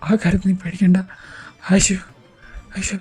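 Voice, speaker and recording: A woman's voice: medium pitch, little pitch movement, a little slow, dark tone, husky. A woman playing a young male boss who stammers and pleads urgently in an amateur audio drama. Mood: pleading.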